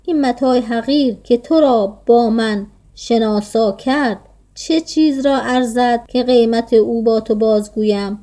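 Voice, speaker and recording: A woman's voice: on the high side, warm tone, natural voice. A woman voicing a courteous young prince disguised as a merchant in a read-aloud tale, speaking politely.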